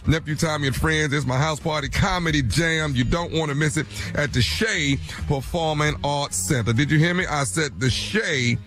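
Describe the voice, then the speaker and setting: Male morning radio DJ, slightly high pitch, playful repetitive hype, music underneath. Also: moderate pace, few pauses, fairly bright tone. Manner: playful hype, repeats phrases for emphasis. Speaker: morning radio co-host and comedian. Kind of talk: morning radio DJ patter, promoting show dates. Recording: music bed behind the voice.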